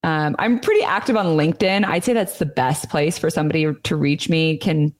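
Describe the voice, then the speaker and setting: Woman, low voice, chatty, conversational advice, interview guest, dry close sound. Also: brisk, no room sound. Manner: chatty, talkative. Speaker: podcast guest, nonprofit consultant.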